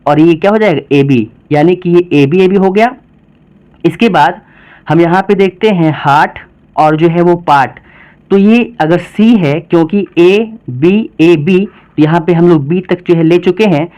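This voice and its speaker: A man with a somewhat higher-pitched voice teaches a poem to students. He talks in with many filler phrases. He slows down to stretch out and repeat the key terms. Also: a little mellow, low-quality recording. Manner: heavy use of filler phrases, slow emphatic repetition of key terms.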